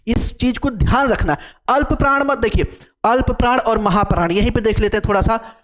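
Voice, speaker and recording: A man with a high, bright-sitting voice teaches an exam-prep lecture. He repeats each term, asks the class questions and answers them himself, and stretches vowel sounds out to show their length. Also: fairly quick, big-room sound. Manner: repeats key terms and quizzes the class with questions.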